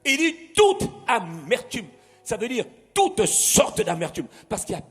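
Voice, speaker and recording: A husky, high-voiced male pastor preaches with emphasis and leads call-and-response. His pitch swings widely. The sound rings with long hall reverb over faint music. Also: huge pitch swings, unhurried. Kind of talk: sermon.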